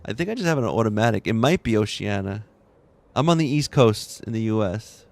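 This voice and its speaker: A man's voice: fairly low pitch, lively intonation, fairly quick, creaky. A man streaming a game from his room at home, chatting casually with viewers and telling rambling, laughing anecdotes full of restarts. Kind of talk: casual chat with stream viewers while gaming.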